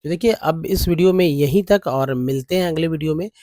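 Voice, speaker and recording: A man with a fairly high voice walks viewers through English vowel sounds, spelling words out and repeating each one patiently. He often stops to check they follow. The recording is dry and close, with no room sound. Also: warm tone, no room sound. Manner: repeats letters and sounds slowly, checking in with "है ना?" and "ठीक है?". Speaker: English teacher. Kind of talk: Hindi lesson on English vowel pronunciation.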